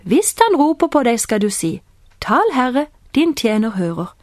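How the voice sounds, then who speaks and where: A woman reads a calm, fatherly old priest. He speaks gently in a fairly high voice, close and dry. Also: dry recording. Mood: gentle.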